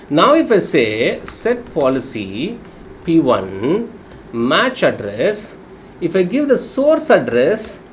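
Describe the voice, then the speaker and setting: A man's voice: sits high, a little hiss or hum. A man with a Telugu Indian English accent giving a live technical lesson, explaining step by step and often checking understanding with short tag questions. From Telugu-speaking region of India. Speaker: technical instructor.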